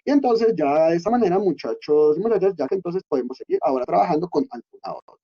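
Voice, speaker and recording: A man walks students through a coding lesson in a husky, fairly high voice. He explains patiently and keeps asking if they are following. The recording sounds dull and lo-fi. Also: animated, fast. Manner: explanatory, often checks in with "¿listo?". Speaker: instructor.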